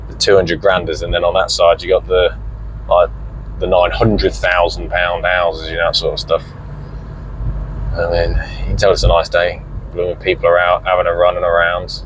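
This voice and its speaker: A man's voice: low-pitched, slight background noise, low-quality recording. Chatty middle-aged man driving. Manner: chatty and rambling, with mild swearing. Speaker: vlogger. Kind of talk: casual driving commentary. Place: inside a moving car.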